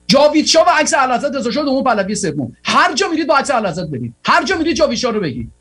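A man's voice: extremely high pitch, very animated, fairly bright tone, breathy edge. A tired man hosting a political broadcast, giving a fervent, rallying monologue full of repeated exhortations.

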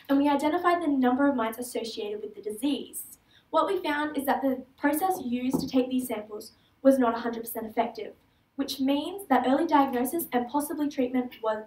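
An Australian teenage girl with a high, slightly mellow voice gives a prepared talk on a large auditorium stage. She's an earnest student speaker who makes small slips. The hall is echoey and she sounds far off.

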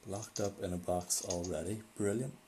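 A man's voice: low voice, steady tone, moderate pace, dark tone, a little hiss or hum. A man streaming a game live, chatting casually with friends and swearing at his bad shots.

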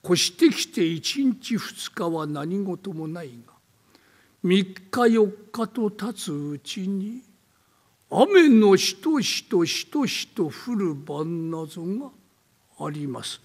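A meek old landlord speaks in a lowered, deferential voice and spins eerie tales at a slow crawl, as an older man acts him out in comic storytelling. A raspy edge carries into the long reverb of a theater hall. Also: big pitch swings, a little mellow, heavily acted. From Tokyo. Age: 70s. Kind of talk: rakugo storytelling.

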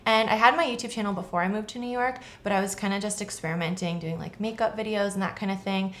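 A woman's voice: medium pitch, steady tone, fast talker, a bit bright, a little hiss or hum. Chatty young woman from Florida. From southern Florida. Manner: chatty, rambling with many fillers. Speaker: co-host. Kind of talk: casual chat.

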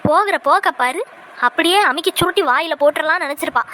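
A woman's voice: very high-pitched, quick pace, sharp tone. A woman voicing a suspicious older mother-in-law in a cartoon, scornful and accusing in manner. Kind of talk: cartoon voice acting.

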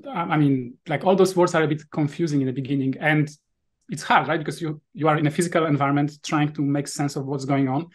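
Speaking quickly in a fairly high voice with fairly even intonation, a Polish-accented man in his thirties joins a video call as a guest. He develops a VR sailing app and gives casual, thoughtful interview answers full of fillers and restarts.

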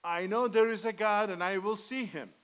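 A man's voice: high-pitched, moderate pace, a bit bright, poor audio. A middle-aged man preaching a sermon from a church pulpit, earnest and pleading, on a headset mic. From Armenian heritage. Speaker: pastor. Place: church sanctuary, indoors, medium size.

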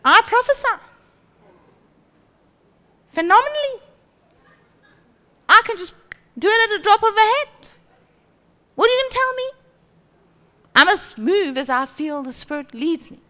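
Speaking a little slowly with long pauses, a woman in her forties with a South African accent preaches on a large church hall stage into a handheld microphone. She delivers it with energy, imitating boastful people through sudden high jumps in pitch.

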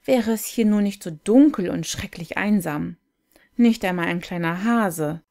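A woman's voice: mid-range voice, a little slow, vocal fry, warm tone. Woman voicing a wondering young fir tree. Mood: wistful. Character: naive, yearning young fir tree, male.

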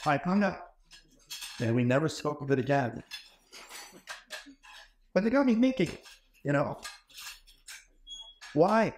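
A man's voice: fairly high pitch, sing-song, slow pace, pauses often, darkish tone, a little hiss or hum. A man in his forties giving a motivational keynote in an ornate wood-paneled hall, telling stories in an emphatic, conversational way into a handheld microphone. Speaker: keynote speaker.

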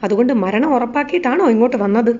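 A woman reading the lines of a defiant young daughter-in-law who answers accusations with sharp retorts. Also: a little high, lively intonation, fast, lightly acted. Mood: indignant. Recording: slightly dull lo-fi recording.

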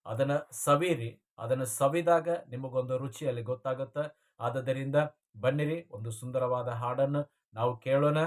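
A man of average pitch addresses his viewers in a measured, preacher-like manner. He builds up his introduction to a devotional song with blessings and warm calls to join in prayer. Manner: formal preacher-like cadence with repeated blessings.

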